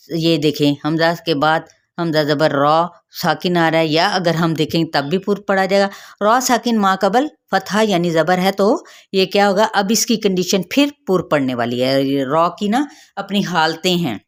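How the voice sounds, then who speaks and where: A woman teaches the rules of Quran recitation in a fairly low voice. She explains each point step by step and often checks that her listeners are following. She slows right down to chant the verses. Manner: slow drawn-out chanting of verses. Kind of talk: tajweed lesson.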